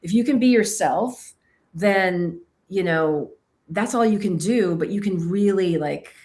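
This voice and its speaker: A woman's voice: fairly low pitch, a little slow, a little mellow. A woman filmmaker and author who grew up in Kentucky, answering interview questions in a thoughtful, self-deprecating way, often searching for words. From Kentucky, United States.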